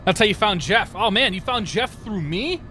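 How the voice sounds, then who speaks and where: A livestreamer greets viewers by name while casually commentating on his flight simulator flight, heard over headset audio with slight background noise. His voice is high, bright and expressive, with a forceful tone at a normal speed.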